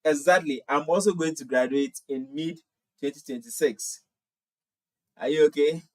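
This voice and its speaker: A man in his twenties with a Ghanaian accent hosts a laid-back livestream, reading comments aloud and replying in a friendly manner, with frequent repetition. His fairly high voice has a darkish tone at a normal speed, captured in a dry, poor-quality recording.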